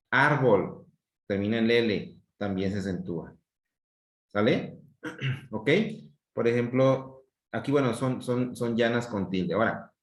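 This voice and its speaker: A man with a Mexican accent teaching a Spanish grammar class, explaining patiently and checking often that students follow. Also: on the low side. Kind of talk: online class lesson. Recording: echoey room.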